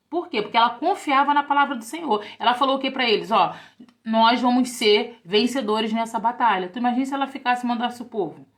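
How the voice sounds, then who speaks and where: Middle-aged woman, informal devotional talk, slightly high pitch, chatty and direct. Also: fairly bright tone. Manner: conversational, keeps asking "né?" and addressing "meninas". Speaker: women's ministry preacher.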